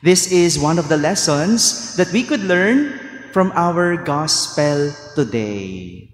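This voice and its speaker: Man, Filipino accent, priest, homily, slightly high voice, cathedral echo, echoey church hall. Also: lively intonation. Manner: slow and deliberate, quizzing the congregation. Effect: cathedral echo with long reverb. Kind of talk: homily during Mass. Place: large church.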